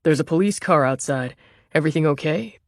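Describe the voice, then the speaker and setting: A woman voicing a shy teenage young man who speaks politely, a bit fast and with precision. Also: low voice, dry recording, clean studio sound. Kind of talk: audiobook character voice.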